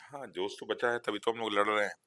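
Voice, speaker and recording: A man's voice: on the low side, steady tone, fast, pushed and bright. A man, a teacher at a protest, answering interview questions with passion, close to tears and his voice rising when moved. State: near tears.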